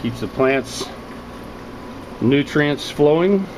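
A home hydroponics hobbyist leads a casual, unscripted video tour of a small basement room, holding the camera and narrating from behind it. His delivery is plain-spoken, low-key, and slow. The rough recording carries a steady, loud hum and the sound of water.

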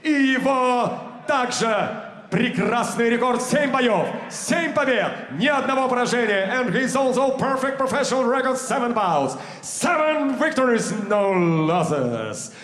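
A man working as an arena announcer, introducing fighters with booming, drawn-out calls in an echoing venue. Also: lively intonation, fairly bright tone. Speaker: ring announcer. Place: large sports arena. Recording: echoey arena PA sound.

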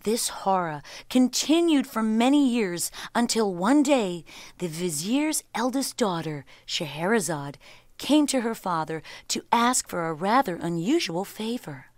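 A woman narrating a children's story in an expressive storybook manner. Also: mid-range voice, measured pace, dry recording.

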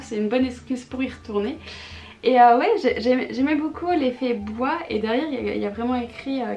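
A woman chatting enthusiastically in a casual haul vlog, with lots of fillers and restarts. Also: a little high. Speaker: vlogger showing purchases.

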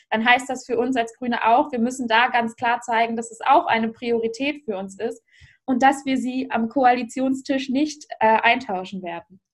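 A young woman on a video call, her voice somewhat high for a woman. She speaks earnestly as a panelist, restarting sentences mid-thought as she works out her point. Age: young adult. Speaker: panelist, youth party board member. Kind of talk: panel discussion.

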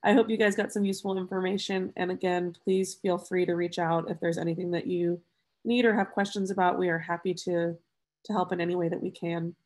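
A nasal-voiced woman presents on a video call. She talks fast and friendly, pitched a little low for a woman. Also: fairly even intonation, a little mellow. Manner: quick, friendly, uses y'all. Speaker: webinar presenter. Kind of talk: fast-paced webinar wrap-up.

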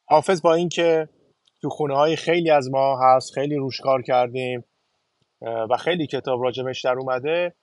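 Man, mid-pitched, measured lesson host, dry close recording. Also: no room sound. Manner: measured, explanatory, with fillers. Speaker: channel host teaching poetry reading. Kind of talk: informal spoken lesson.

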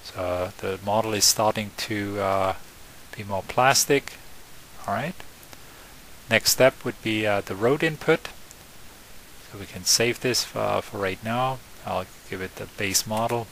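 A man giving an unscripted, step-by-step software tutorial, often pausing with fillers and correcting himself. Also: on the low side, gravelly, a little hiss or hum, rough recording. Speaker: software trainer. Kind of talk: screen-recorded software tutorial.

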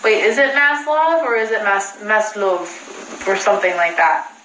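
A young woman chats through a phone livestream from home. She rambles and pokes fun at herself in a mid-pitched voice. Her voice rings in an echoey room. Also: brisk, fairly bright tone, a little hiss or hum. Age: young adult. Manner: chatty, rambling, self-mocking. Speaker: livestream host. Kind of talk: casual livestream chat. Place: indoors at home.

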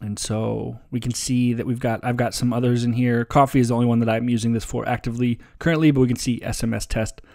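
A man presenting a relaxed, casual software tutorial over a screen recording, with frequent ums and uhs. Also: mid-range voice, fast talker, creaky, few pauses. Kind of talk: screen-share software walkthrough.

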